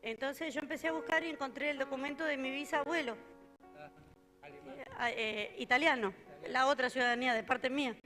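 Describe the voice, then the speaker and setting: A woman's voice: high voice, fairly even intonation, moderate pace, sharp tone. An older woman with an Argentine accent giving a plain, hesitant testimony at a church service. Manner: plain, hesitant storytelling with fillers. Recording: faint music behind.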